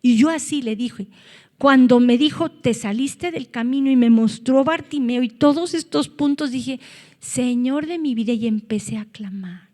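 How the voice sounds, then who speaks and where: A woman preaching a sermon, earnest, rising to loud cries when she quotes scripture. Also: sits high, moderate pace, big-room sound.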